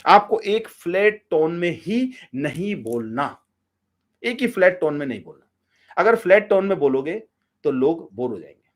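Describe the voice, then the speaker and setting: A man coaching public speaking live, with a voice that sits somewhat high for a man. He talks energetically and directly and gives one instruction after another. He speaks to his listeners as friends. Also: sing-song, unhurried.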